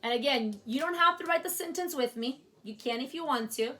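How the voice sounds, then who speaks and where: A woman's voice: high voice, bright, forceful tone. A woman teacher giving a grammar lesson, speaking patiently and checking in with "okay?" while writing at a board. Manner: slow, patient, repeats "okay?" often. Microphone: writing at a board while talking.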